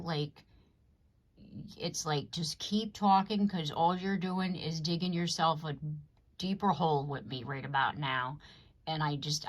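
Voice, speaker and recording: A woman reading tarot cards for an audience in a rambling, conversational way, often checking in with "you know what I mean.". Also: deep voice. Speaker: tarot reader. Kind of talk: casual collective tarot reading to camera.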